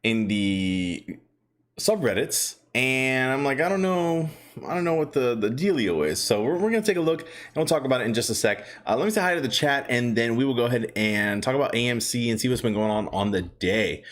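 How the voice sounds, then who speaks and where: A man's voice: medium pitch, expressive, fairly quick, a bit bright. A young man casually hosting a live stock chat, a little out of breath, rambling with restarts and reading viewer comments aloud. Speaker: stock vlog host.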